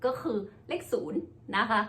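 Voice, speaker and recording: Bright-voiced woman teaching pronunciation. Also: slight background noise. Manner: chatty, repeats polite particles, models sounds slowly. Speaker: English teacher. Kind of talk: casual pronunciation lesson.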